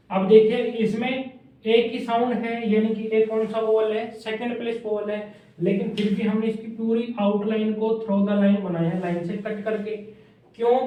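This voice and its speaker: A male shorthand teacher giving a classroom lesson, saying each word slowly twice and stopping to ask his students questions. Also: high-pitched. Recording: distant, echoey, dull lo-fi room sound.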